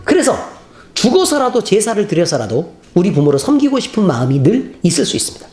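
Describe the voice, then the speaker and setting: A pastor preaching a sermon who tells stories animatedly and acts out the scenes. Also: male voice, high-pitched, quick pace. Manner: animated storytelling, acting out scenes. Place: church sanctuary. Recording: roomy church hall, faint noise.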